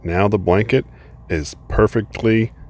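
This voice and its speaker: Male product reviewer, low voice, chatty and upbeat, casual beach review. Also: measured pace, a little mellow. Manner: chatty, upbeat, thinking aloud. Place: beach, outdoors.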